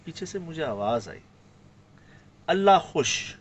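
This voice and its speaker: Animated man telling a story. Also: a little high, a little hiss or hum. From Sindh, Pakistan. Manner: animated, acts out quoted lines. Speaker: guest recounting a field trip. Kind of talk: casual storytelling.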